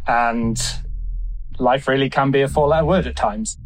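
A man telling a personal story reflectively, in short, halting phrases. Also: medium pitch, rough recording. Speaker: author guest.

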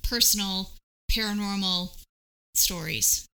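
A woman's voice: mid-range voice, slow, bright, forceful tone, poor audio. A woman co-hosting a podcast, introducing an episode in a casual conversational style. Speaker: podcast co-host.

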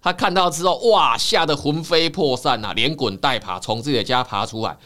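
A man, a counseling psychologist telling a folk tale in a lively, dramatic way on a podcast. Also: mid-range voice, fairly quick. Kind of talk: animated storytelling in a podcast.

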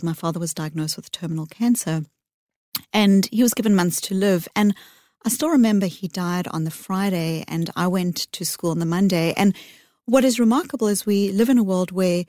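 A middle-aged woman, a psychologist giving earnest, measured interview answers with thoughtful pauses. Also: mid-range voice, mellow, no room sound, clean studio sound. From South Africa. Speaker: psychologist guest.

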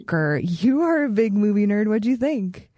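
A woman's voice: medium pitch, big pitch swings, moderate pace, dark tone, dry recording, clean studio sound. A woman with an American accent, hosting a radio show in an upbeat, casual chat style.

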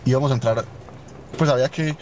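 A young man telling a funny anecdote in a rapid, rambling, amused way. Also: medium pitch, darkish tone, highs cut off, slight background noise. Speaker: storyteller. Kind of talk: casual anecdote.

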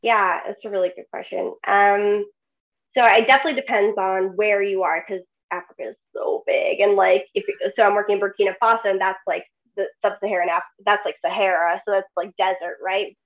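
A woman who researches agriculture joins a casual podcast as a guest expert, speaking fairly quickly in a medium-pitched, fairly even voice. The sound is lo-fi, and she uses many fillers and laughs through serious points.

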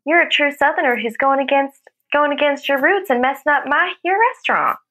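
Improv comedy role: Southern restaurant manager played by a woman, high bright voice, sweet but scolding. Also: expressive, brisk. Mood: sweetly scolding. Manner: polite but cutting.

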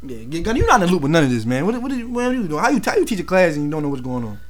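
Fast-talking high-voiced man riffing. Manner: fast, animated, storytelling with slang. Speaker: podcast co-host. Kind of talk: casual banter among friends.

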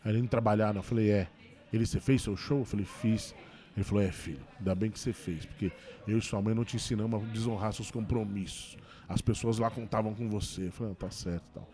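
A man, a stand-up comedian, telling a personal story in a casual interview, with quick emotional restarts. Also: on the low side, steady tone, warm tone. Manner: fast, emotional retelling with many restarts.

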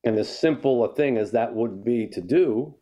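A man's voice: medium pitch, moderate pace, warm tone. An older man, an author guest in a conversational interview, telling a story and reflecting, often restarting his sentences.

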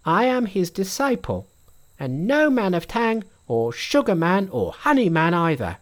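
A cheeky, boastful monkey sage from an old storybook, pitched well above a plain speaking voice, as a man puts him on. The voice leaps up and down with lively swings. He talks bold and teasing, like an ageless trickster. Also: a little slow.

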